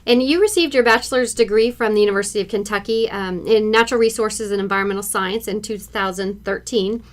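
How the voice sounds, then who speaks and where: A woman's voice: medium pitch, quick pace. A woman co-hosting a podcast, introducing and questioning a guest in a studio in a friendly, encouraging way. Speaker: podcast co-host. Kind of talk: interview hosting. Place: radio studio.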